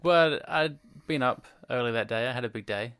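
A man's voice: mid-range voice, moderate pace, a bit bright, clear, resonant tone, no echo. A man co-hosting a podcast in casual chat, dropping dry, wry asides. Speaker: podcast co-host.

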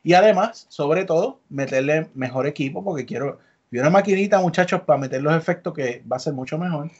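A man's voice: fairly high pitch, fast, darkish tone, breathy edge. A man hosting a podcast, chatty and upbeat as he leads the talk. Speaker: podcast host. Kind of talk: casual podcast chat. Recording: dull lo-fi podcast audio.

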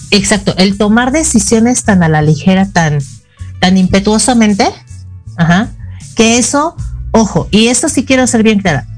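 A woman's voice: a little high, a little mellow. A middle-aged woman with a Mexican accent, a psychologist co-hosting a casual talk show and explaining with frequent "ajá" fillers. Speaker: psychologist co-host.

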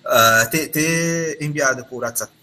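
A Brazilian man with a Brazilian Portuguese accent joins a podcast interview over a video call as a guest expert. He speaks Spanish haltingly, restarting often and saying "ah" a lot, in a slightly high, pushed, bright voice with a little background noise.

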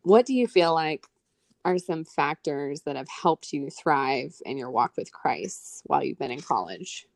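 A woman's voice: sits low, lively intonation, a little slow, creaky, dry recording. A young adult woman co-hosting a podcast interview, leading questions and affirming the guest with frequent mm-hmms. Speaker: podcast co-host. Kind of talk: casual interview.

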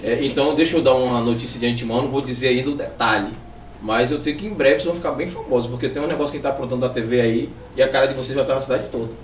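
A man's voice: mid-range voice, very fast, a little hiss or hum. A man with a Bahian accent hosting a podcast, upbeat and teasing as he coaxes his guests. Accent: Bahian Portuguese. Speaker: podcast host. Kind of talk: casual chat. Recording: echoey room from far off.

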